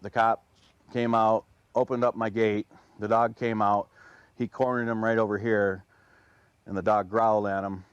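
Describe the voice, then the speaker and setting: A man's voice: fairly low pitch, little pitch movement, moderate pace, smooth, no room sound, highs cut off. A man giving a plain, conversational eyewitness account in a news interview, somewhat subdued. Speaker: interviewed dog owner.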